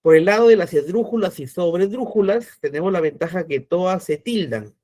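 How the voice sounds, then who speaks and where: A man's voice: sits high, expressive, fairly quick, warm tone. A man teaching an online class, explaining step by step and checking in often with his students.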